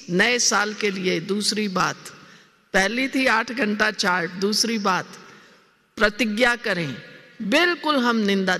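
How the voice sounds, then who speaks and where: A woman's voice: on the high side, pushed and bright. A woman giving a spiritual discourse to a congregation. She asks the audience questions and then answers them herself. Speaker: spiritual teacher. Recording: hall with long reverb.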